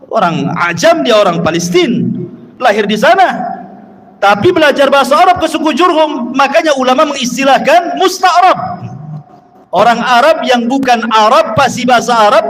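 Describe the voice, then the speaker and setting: Preacher, male, very high voice, animated storytelling sermon, long hall reverb. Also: slight background noise. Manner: animated, addresses listeners directly, quotes Arabic verses.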